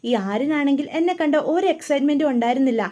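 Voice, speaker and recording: Woman reading lines as a sweet young woman back home, high voice, firing off questions. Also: fast talker, mellow, natural voice. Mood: eager.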